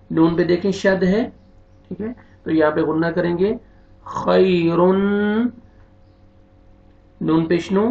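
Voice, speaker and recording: A man teaching beginners to read the Quran, spelling out letters and vowel marks one by one, with quicker, quieter explanations of the rules. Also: sits high, vocal fry, dull audio. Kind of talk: slow spelled-out recitation lesson.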